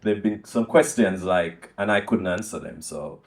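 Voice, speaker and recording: An older man from Jamaica, hosting a live on-stage chat with a small audience and speaking in a measured way with many ums. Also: low voice, reverberant. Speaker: host. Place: music lounge venue with a small audience.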